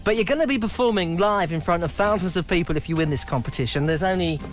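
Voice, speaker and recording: A man's voice: high voice, fast talker, faint music behind. A man presenting on the radio in an upbeat, chatty style. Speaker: radio host. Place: small radio studio.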